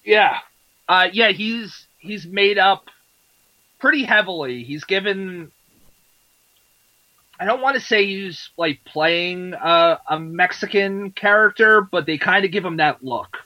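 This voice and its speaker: Guy with a high bright voice, laid-back movie podcast chat, dry slightly muffled mic. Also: slow pace, dry recording. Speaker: podcast co-host. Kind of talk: casual movie review chat.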